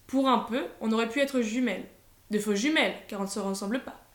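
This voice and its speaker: High-voiced woman reading a storybook. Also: fast. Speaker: audiobook reader. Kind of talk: scripted storybook narration. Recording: roomy echo.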